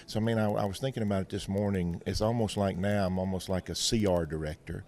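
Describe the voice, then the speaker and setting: A veterinarian and technical consultant from Mississippi speaks as an interview guest in a low, dark voice with a Mississippi Southern drawl. His delivery is folksy and expert, fairly even in intonation and quick, explaining with anecdotes and analogies while faint noise sits behind him.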